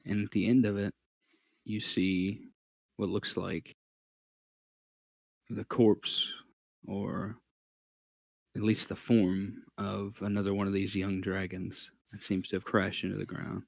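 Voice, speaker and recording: A man narrating a tabletop game as game master, halting and thinking aloud as he describes scenes. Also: lowish voice, little pitch movement, creaky, dry recording.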